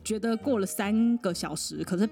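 A woman, a psychologist guest on a podcast, telling a personal story in a lively way, often laughing and mimicking other people. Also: mid-range voice, moderate pace, gravelly, faint music behind.

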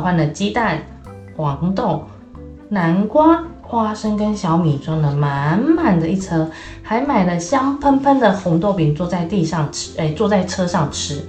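A woman telling a bedtime-style story to children in a lively voice, speaking to them directly. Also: mid-range voice, a little slow. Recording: echoey room with faint music.

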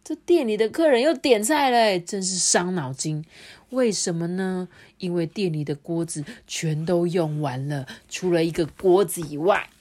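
A woman reading a picture book aloud to her child, lively and playful, stopping to ask questions. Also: on the low side, a little slow.

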